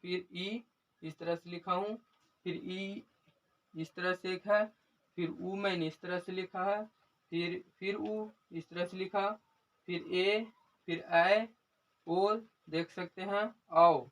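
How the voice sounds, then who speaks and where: A man gives a lesson at a very unhurried pace, his voice sitting fairly high for a man. He repeats each point and keeps turning to the viewers as friends. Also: fairly even intonation, a bit bright, rough recording. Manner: slow and repetitive, addresses viewers as friends. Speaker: language teacher. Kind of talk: unscripted lesson walkthrough.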